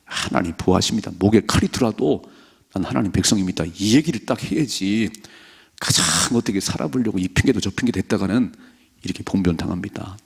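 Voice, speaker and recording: A middle-aged man preaching at dawn in a church, his low voice gravelly and husky. He presses his points hard and acts out the scripture's dialogue in a raised voice. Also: fairly quick. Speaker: pastor. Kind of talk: early morning sermon. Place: church sanctuary.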